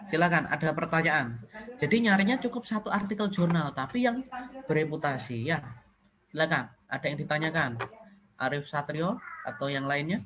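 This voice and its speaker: A man with an Indonesian accent, a university lecturer teaching an online class in a relaxed, conversational way, mixing casual slang into his explanations and checking whether students can hear him. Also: fairly high pitch, moderate pace, a crowd in the background. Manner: repeatedly asks if he can be heard.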